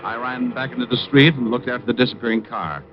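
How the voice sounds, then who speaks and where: A man with a mid-range, natural voice and a fast way of talking narrates as a wisecracking detective in a 1950s radio play. His delivery is dry and laconic, and the old recording sounds muffled, with music behind him.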